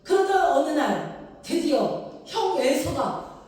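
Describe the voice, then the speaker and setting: A woman pastor preaching a sermon, telling the story vividly and acting out quoted lines. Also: slow. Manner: animated storytelling, acting out quoted lines with big pitch swings. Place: church sanctuary. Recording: echoey hall picked up from far off.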